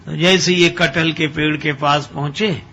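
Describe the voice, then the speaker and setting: A man narrating a devotional story in a lively way, chuckling as he goes. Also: a little high, a little slow, slight background noise. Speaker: religious storyteller. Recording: dull lo-fi recording with faint ambience.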